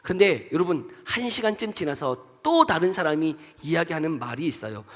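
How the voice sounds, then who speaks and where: A male pastor delivers a sermon, slipping into the voices of the people in his story and turning again and again to quiz his listeners. His voice sits high, and it rings with the long reverb of a church hall. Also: very animated, a little fast. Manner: asks the congregation many questions. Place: church sanctuary.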